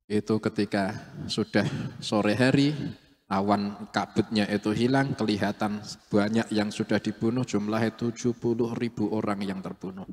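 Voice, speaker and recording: A male preacher, telling a religious story in an animated sermon. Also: fairly low pitch, normal speed. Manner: animated storytelling, acting out quotes. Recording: long echoey hall reverb.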